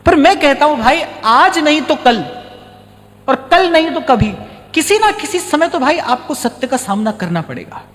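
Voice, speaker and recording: A man giving a devotional sermon in a conversational, teaching manner, repeating key lines for emphasis and slowing down on important words. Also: extremely high pitch, sing-song, fairly bright tone. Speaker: spiritual teacher giving a discourse. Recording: reverberant hall with faint music.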